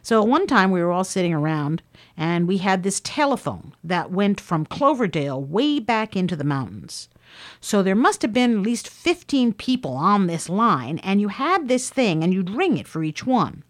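A woman reading aloud someone's first-person recollections in a lively storytelling manner. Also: medium pitch, normal speed. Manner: lively storytelling with shifts in loudness. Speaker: reader of recorded recollections.

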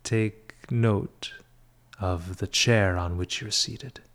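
A man leading a guided meditation in a soft, breathy, half-whispered spa voice, soothing and measured, with long pauses between short phrases. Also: lowish voice, fairly even intonation.

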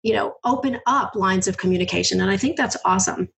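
A middle-aged woman hosts an interview in a casual, chatty way. Her voice is husky, and her stories jump up in pitch when something surprises her. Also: fast, fairly bright tone, low-quality recording. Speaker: podcast host.

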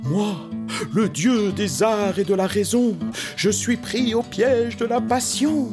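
A man's voice: takes it slowly, over music. A man doing a boastful, vain god. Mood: lovestruck. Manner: haughty, mocking, booming laugh. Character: boastful, vain young male sun god.

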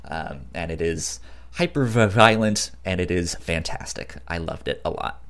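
This deep-voiced man sounds animated and a bit bright, speaking at a measured pace. He's giving recommendations in relaxed podcast chat, often stuttering so that syllables repeat and words snag.

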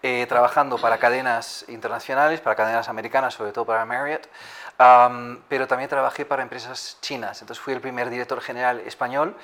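A man from Galicia, a hotel executive and tourism entrepreneur, answering interview questions in a measured, agreeable way. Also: mid-range voice, steady tone, a bit bright. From Galicia, Spain. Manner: measured, agreeable, with frequent restarts. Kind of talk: conversational interview.

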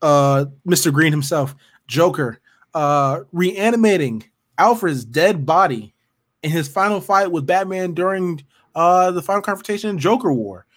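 This man's voice is animated and on the high side, at a normal speed. As a co-host on a casual, comedic comic book podcast, he trades playful, crude, slangy frat-bro banter.

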